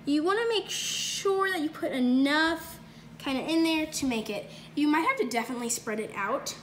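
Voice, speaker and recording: Speaking at a normal speed in a high, animated voice, a young woman chats upbeat through a casual cooking video at home, with many fillers and self-corrections. It's shot on a phone across the counter, so the kitchen sounds echoey and noisy.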